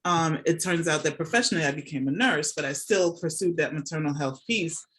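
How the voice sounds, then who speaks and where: Her voice is low and fairly quick. Originally from Jamaica and raised in the States from childhood, this middle-aged nurse and academic answers podcast interview questions casually over a remote call from home, regularly checking in with the listener.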